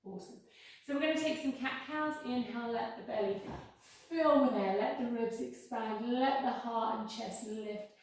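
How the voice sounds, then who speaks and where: A woman yoga instructor with a fairly high voice gives careful, unhurried guidance. Her manner is reassuring as she leads the class. The sound is heavily reverberant and somewhat distant. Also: vocal fry, a little mellow. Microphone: worn mic near the face. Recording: very echoey room, distant-sounding.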